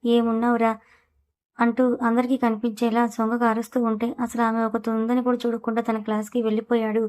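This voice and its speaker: A woman narrating a serialized novel as an audio storybook, in a brisk, even storytelling manner. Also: fairly high pitch.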